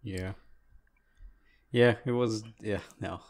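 A man's voice: on the low side, fairly even intonation, slow pace. A man co-hosting a podcast in laid-back, hedging casual chat. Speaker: podcast co-host.

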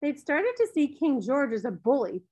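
A woman narrating a children's novel in a gentle storytelling manner. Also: high voice, big pitch swings, moderate pace. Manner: gentle storytelling, briefly voicing characters. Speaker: audiobook narrator.

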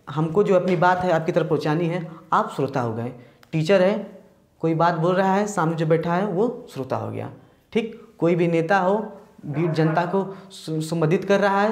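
A teacher with a medium-pitched, darkish voice works through a lecture step by step, mixing English and Hindi terms, often repeating points and checking in with "ठीक" before moving on. It's a recorded classroom-style lecture in an echoey room.

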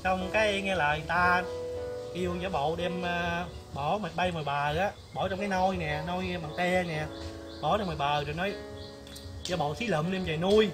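A man's voice: high voice, fairly even intonation, a little fast, natural voice. A man playing a chatty, nosy older village flower seller woman with a Southern Vietnamese accent, exclamatory and gossipy in a comedy skit. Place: outdoors in a palm garden. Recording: loud background music.

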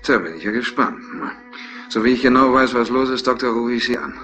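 A man's voice: mid-range voice, brisk, over loud music, lightly acted. A man playing a dogged, polite police lieutenant in a 1960s radio crime drama, questioning with mild apology. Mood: probing. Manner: probing, mildly apologetic questioning. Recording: old radio play with faint hiss.

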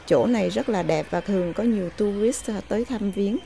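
Chatty woman with a dark, gravelly voice. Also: mid-range voice, a little fast, a little hiss or hum. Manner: chatty, filler-heavy, exclaims at scenery. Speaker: vlogger. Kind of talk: casual travel vlog narration. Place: outdoors in a snowy park, then at home.

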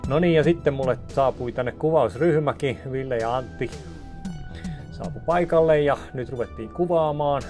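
A man in his thirties with a medium-pitched, slightly mellow voice talks through building a film set in a small office studio for a casual DIY vlog. He's chatty and rambling with many restarts, and music plays beneath his talk.

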